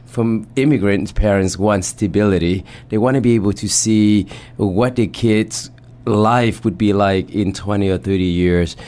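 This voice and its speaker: A man from Vietnam who grew up in the US, answering interview questions as a founder in a thoughtful, measured way. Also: on the low side, darkish tone. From Vietnam, raised in the US Bay Area. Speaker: guest, company founder.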